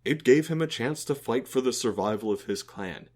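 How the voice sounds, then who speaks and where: An earnest, reflective male alien explains his views in an audio drama, voiced by a man. His delivery is lively, and his pitch rises and falls freely as he talks. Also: moderate pace, natural voice. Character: thoughtful male alien who befriended a human.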